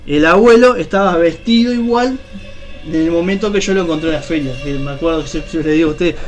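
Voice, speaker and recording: Talking fast in a slightly high voice, a man with a Uruguayan Spanish accent recounts a personal story as a radio co-host. The telling is rambling and casual, packed with fillers and restarts.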